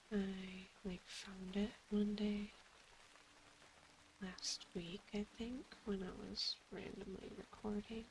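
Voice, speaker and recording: Slow, soft-spoken ASMR woman, half whispering. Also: mid-range voice, a little hiss or hum, rough recording. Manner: slips between soft speech and unvoiced whispers; meandering, thinking aloud. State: tired, yawning. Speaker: ASMR gaming creator. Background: faint rain ambience.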